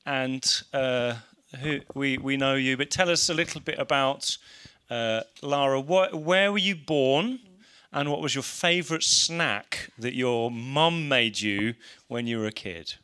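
A church leader from the English Midlands presents an informal seminar, explaining things a bit hesitantly. His medium-pitched voice is bright, forceful and smooth, and a little slow.

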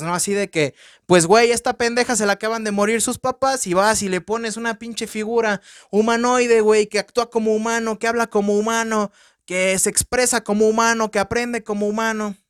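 A man with a Mexican Spanish accent hosting a low-budget podcast, reviewing a film in a crude, profane, joking way. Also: fairly quick, clean tone, no room sound, clean studio sound. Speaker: podcast host. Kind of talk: casual film review rant. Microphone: podcast microphone.

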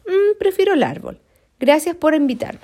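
A nervous little male koala from a storybook, hesitant and easily scared, voiced by a woman reading aloud. His voice sits well above a normal speaking voice and climbs even higher when he is afraid. He falters and hesitates before answering. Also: normal speed. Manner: hesitant, nervous, raises pitch sharply. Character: timid, fearful young male koala.

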